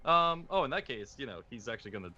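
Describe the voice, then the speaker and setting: A man's voice: medium pitch, very animated, fast, bright, forceful tone, lo-fi sound. A man playing a tabletop game, talking casually with the other players.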